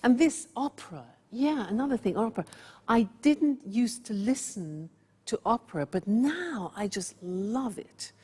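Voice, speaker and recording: A woman teacher from England speaks slowly and carefully, laying out a grammar point step by step. Her voice has a husky edge, and a long hall reverb trails behind her words. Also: fairly high pitch, expressive, a little mellow. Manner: slow, clear, showing props. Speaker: English teacher. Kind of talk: scripted grammar lesson.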